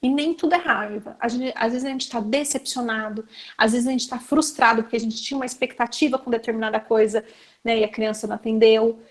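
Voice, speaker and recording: A woman's voice: on the high side, fairly quick. A Brazilian woman with a Brazilian Portuguese accent, teaching a class to educators in a chatty, conversational way and often turning to her listeners. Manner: chatty, addresses the audience directly with frequent fillers. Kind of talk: conversational lecture.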